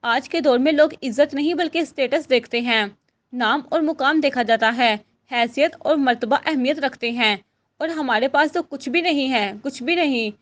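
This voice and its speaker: A woman's voice: high-pitched, normal speed, lightly acted. A woman voicing a witty, teasing young daughter in a storybook reading. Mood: bitter, resigned. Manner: playful, wry.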